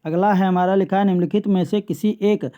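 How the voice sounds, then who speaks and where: A young male teacher with a high voice and a mellow, dark tone, talking students through an exam paper piece by piece. He keeps checking in with the class and repeating key phrases, recorded on a dull, lo-fi track. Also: fairly even intonation, fairly quick. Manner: explains step by step, often repeats "theek hai bachchon".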